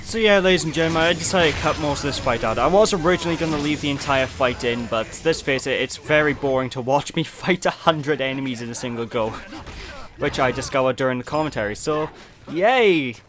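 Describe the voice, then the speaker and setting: A young Welsh man giving chatty, animated let's play commentary over a video game. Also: medium pitch. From Wales. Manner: chatty, animated, prone to silly put-on voices. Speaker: gaming channel host. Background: game music and sound effects.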